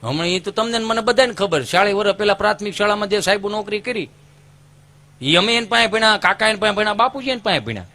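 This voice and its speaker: A man with a Kathiawadi Gujarati accent telling folk stories on stage as a comedian, lively and acting out the voices of the people in his tales. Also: sits high, fast talker.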